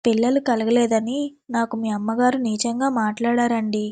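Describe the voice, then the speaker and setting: A woman voicing a young wife who quietly hides her sorrow. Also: a little high, steady tone, normal speed, no room sound, natural voice. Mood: hurt. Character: sad young wife hiding her pain.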